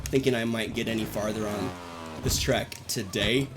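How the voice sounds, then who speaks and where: A man's voice: lowish voice, steady tone, moderate pace. A man streaming a game live, chatting playfully with his viewers, joking and teasing them, with game music running behind him. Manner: playful, jokey, teasing chat, laughs often. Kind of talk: casual live-stream chat while gaming. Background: video game music.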